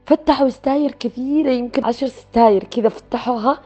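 Soft-spoken woman telling her story. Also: sits high. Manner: soft, reflective, with pauses and restarts. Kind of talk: personal storytelling. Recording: dull lo-fi sound with faint music.

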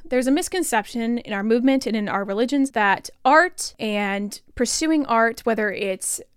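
A woman's voice: a little high, moderate pace, clean tone, no echo. Impassioned young woman podcaster, dry sound. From Utah. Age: 20s. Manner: impassioned, rambling, conversational with many "like"s and "you know"s. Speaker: podcast host. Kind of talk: solo podcast monologue.

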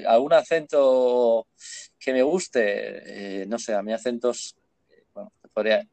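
A man's voice: medium pitch, unhurried, vocal fry, no echo. Male host, laid-back storyteller, close dry mic. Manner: relaxed, storytelling, repeats himself. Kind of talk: casual chat.

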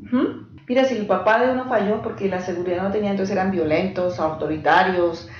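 A woman's voice: mid-range voice, a little fast. Earnest woman teaching in an echoey room. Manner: earnest, direct, tells stories from pastoral cases; keeps checking in with the audience. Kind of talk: teaching talk to a live group. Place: room with a small live group. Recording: echoey room, dull lo-fi, faint hiss.

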